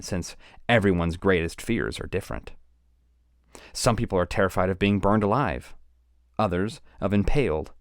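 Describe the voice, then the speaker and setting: A man with a very low voice recounts a novel's plot in a grave, storytelling manner. He stresses key words for dramatic effect. The recording is dry and close to the mic. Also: no echo. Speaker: book channel host.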